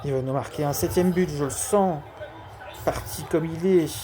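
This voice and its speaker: Un homme qui zozote, avec des s chuintants, commente en amateur un match de jeu vidéo en direct et répète certains mots pour insister. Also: male voice, a little high, normal speed, over music. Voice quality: lisping, slushy s and sh sounds. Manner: repeats key words for emphasis. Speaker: amateur live streamer. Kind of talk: football video game commentary and dedication to a friend.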